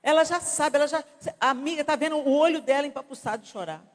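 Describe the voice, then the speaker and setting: A Brazilian woman pastor in her fifties, preaching at a women's conference in an animated, conversational way with acted-out examples. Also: high-pitched, fast talker. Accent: Brazilian Portuguese. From Brazil (Belo Horizonte). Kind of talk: conference sermon. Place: large church conference hall. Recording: reverberant church hall.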